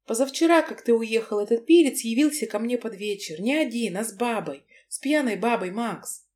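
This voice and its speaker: A woman reading an audiobook, voicing an emotional young woman who is shrill and reproachful. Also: lively intonation, normal speed, a little mellow, lightly acted.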